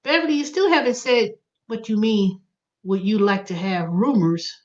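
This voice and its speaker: An American woman in her early fifties hosts a livestream, chatting casually and rambling as she thinks aloud, repeating and correcting herself along the way. Her voice is medium in pitch at a moderate pace, and the recording is muffled.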